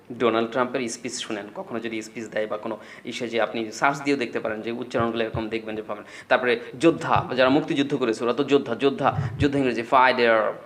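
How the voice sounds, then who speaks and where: A man's voice: mid-range voice, a bit bright. A man teaching a spoken English lesson, explaining patiently and repeating words as drills.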